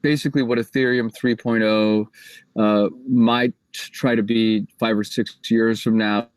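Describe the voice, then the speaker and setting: A man's voice: mid-range voice, no echo. A man on a panel speaks from his backyard office. He talks casually and rambles, with many fillers.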